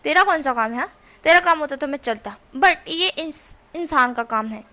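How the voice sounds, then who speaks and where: A woman voicing a gruff, dismissive young male wolf-man who talks in curt, scornful slang. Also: sits high, lively intonation, normal speed, pushed and bright. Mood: grumpy.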